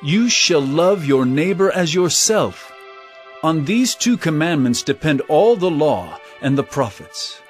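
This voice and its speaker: An actor playing Jesus as an authoritative teacher in a dramatized scripture production, speaking emphatically. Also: male voice, fairly high pitch, very animated, slow pace, faint music behind. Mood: authoritative teaching. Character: Jesus, an authoritative male teacher telling parables.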